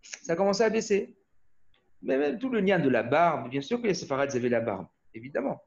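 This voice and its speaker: A man's voice: fairly high pitch, big pitch swings, fairly quick, vocal fry, a little mellow. A man born in Australia giving an informal Torah class over a video call, rambling with many restarts and checking in with his listeners. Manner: rambling, restarts often, asks "hmm?" of listeners. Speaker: Torah teacher. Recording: muffled video call audio.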